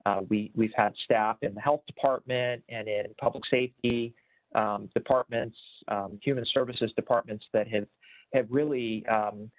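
A man presenting budget figures on a video call in a measured way, with frequent filler words and restarts. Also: lowish voice, fairly even intonation, no echo. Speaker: county budget official presenting at a town hall. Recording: tinny, dry video-call audio.

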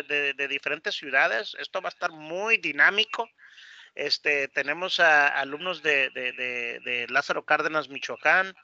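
Explaining a dialogue in an online English class, a man frequently repeats words as he hunts for what comes next. His fairly high, sharp voice has no echo, picked up by a close dry mic in dull lo-fi online class audio.

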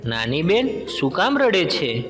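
A man voicing a flock of kind herons who briskly offer help. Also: on the high side, sing-song, a bit bright, soft background music.

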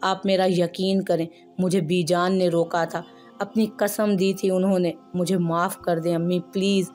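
A woman's voice: on the low side, level tone, moderate pace, a little mellow, soft background music, lightly acted. A woman voicing a frightened young wife in a storybook reading, stammering and pleading.

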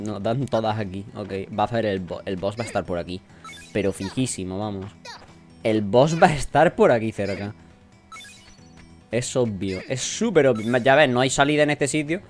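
A young man with a Spanish accent from Spain, casually commentating as he plays a video game, swearing often and reading game lines aloud in jokey voices. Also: medium pitch. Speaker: let's play gamer. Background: faint game music.

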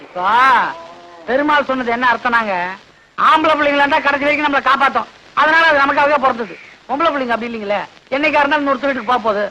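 A man's voice: extremely high pitch, very fast, bright, forceful tone, a little hiss or hum, exaggerated voice, poor audio. A man acting a smug village quack doctor in a film comedy, explaining things with sly reasoning. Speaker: actor in film scenes.

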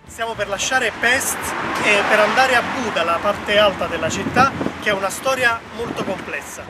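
A woman narrating a travel vlog in a calm, informative tour-guide manner. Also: mid-range voice, normal speed, loud music behind the voice. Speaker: travel vlogger.

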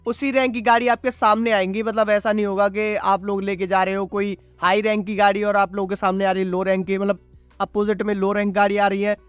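Male YouTube gamer, high, rapid delivery, chatty racing commentary over loud music. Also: flat delivery, clear, resonant tone, dry recording. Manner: chatty, refers to himself as "your brother". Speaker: mobile gaming YouTuber. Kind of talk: excited gameplay commentary. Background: loud game music.

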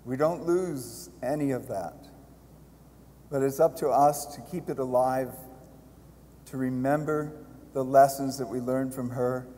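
An older man, a priest, gently addressing mourners in an informal way inside a large church. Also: medium pitch. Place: large church, standing by the altar. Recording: reverberant church hall.

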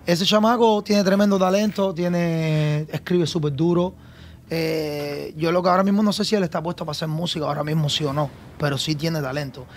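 A man's voice: on the high side, fairly even intonation, fairly quick, a little hiss or hum. A man chatting casually as a guest, friendly and supportive. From Cuba. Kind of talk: casual chat.

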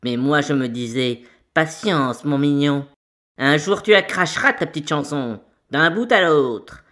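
A man voicing a small, sour, spiteful female witch in a storybook reading, with a thin, shrill voice and a sneering manner. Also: a little slow, bright, forceful tone. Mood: taunting. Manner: sneering, taunting.

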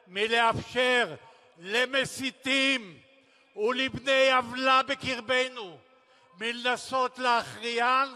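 A former military commander addresses a memorial rally, his formal speech carried by a big PA system with lots of reverberation. He sounds unusually high-pitched for a male, with a bright, forceful edge, and he delivers each measured phrase solemnly before pausing heavily.

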